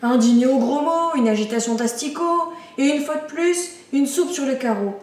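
A woman's voice: sits high, expressive, normal speed, a little mellow. A woman voicing a cross father who scolds his son. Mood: scolding. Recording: roomy, distant echo.

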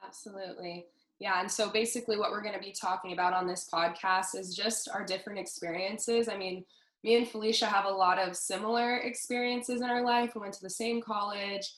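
A Southern California woman in her twenties co-hosts a podcast in a casual, upbeat, friendly way, using lots of fillers. Her mid-range voice is steady in tone, a bit bright, and a little fast. The room is echoey.

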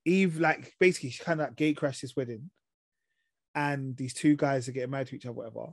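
A man's voice: medium pitch, fast talker, gravelly, dry recording, studio quality. A man with an urban London roadman accent and slangy delivery, hosting a casual chat reviewing TV shows. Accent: London, urban street slang. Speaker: podcast host.

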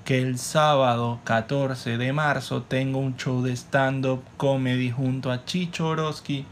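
A man's voice: mid-range voice, slight background noise. A man with a Panamanian Spanish accent hosting a podcast in a casual, playful, slangy way. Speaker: podcast host; stand-up comedian.

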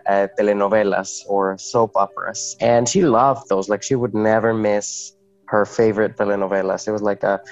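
A young man from Mexico, a guest on an interview show, speaking casually and animatedly with frequent restarts. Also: lowish voice. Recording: dull lo-fi sound.

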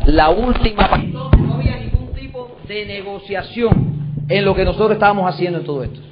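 Fast, high-voiced man giving an emphatic pep talk. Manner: emphatic, repetitive, rhetorical questions. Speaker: motivational speaker. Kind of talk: motivational talk to an audience. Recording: dull lo-fi recording.

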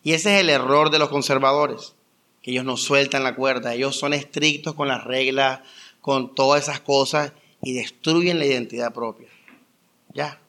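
A young adult man preaching a conversational sermon, telling stories with lively rhetorical questions. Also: mid-range voice, moderate pace. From Colombia. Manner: animated storytelling with rhetorical questions. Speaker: pastor.

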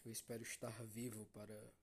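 This solo confessional podcast is hosted by a young Brazilian man whose Brazilian Portuguese accent comes through as he speaks in a tired, dejected tone, cursing a lot and addressing listeners as "guys." He delivers it completely flat at a moderate pace in a fairly low voice, with a little hiss or hum in the recording.

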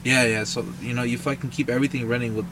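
A man's voice: medium pitch, steady tone, quick pace, noisy background. A man from Mexico chatting casually, joking and sarcastic, swearing often. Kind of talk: casual profane chat.

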